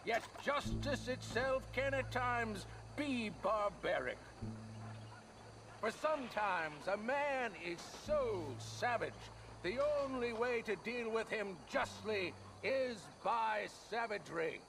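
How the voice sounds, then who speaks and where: An actor playing a stern, solemn official at a public hanging in a video game, orating formally and gravely. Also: male voice, high-pitched, animated, slow, noisy background, exaggerated voice. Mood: grave, condemning. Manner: formal, declamatory, grave oratory. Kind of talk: dramatic video game speech.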